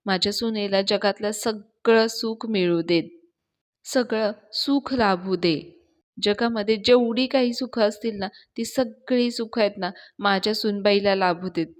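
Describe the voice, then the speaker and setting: A woman voicing a devout elderly man praying slowly and reverently. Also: medium pitch, lightly acted. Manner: slow, reverent prayer.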